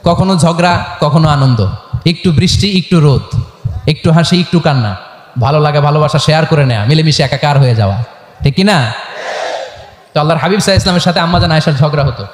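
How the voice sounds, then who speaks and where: A man preaching a storytelling sermon to a large gathering, animated and asking the crowd questions. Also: fairly high pitch, quick pace. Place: large public gathering over loudspeakers. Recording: echoey hall, long reverb.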